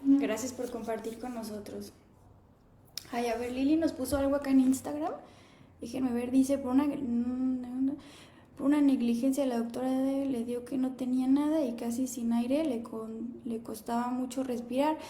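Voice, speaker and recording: A woman in her thirties hosting a live stream, chatting casually and reading viewer comments aloud in a warm, conversational way. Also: high voice, fairly even intonation, moderate pace. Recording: echoey room.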